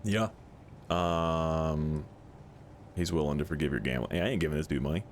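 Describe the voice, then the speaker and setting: Deep-voiced man doing gameplay commentary. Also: moderate pace, a little hiss or hum. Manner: irreverent, blunt, slangy. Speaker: gaming video host.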